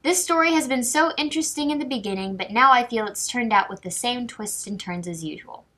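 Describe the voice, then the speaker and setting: A woman's voice: a little high, fairly quick, bright, forceful tone. A young adult woman in a casual vlog, reading out critical comments about her own writing in wry disbelief. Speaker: amateur online fiction writer and vlogger.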